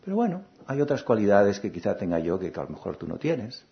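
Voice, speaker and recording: A man voicing a humble, flexible male reed in a fable, answering gently. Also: fairly low pitch, very animated, quick pace, vocal fry. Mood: modest. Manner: gentle, modest. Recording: dull lo-fi recording.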